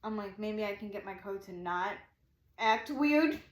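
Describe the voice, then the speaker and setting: Her medium-pitched voice is expressive and moves at a moderate pace. She's a vlogger in her twenties recounting something casually, wandering and repeating as she quotes her inner thoughts, all in an echoey space.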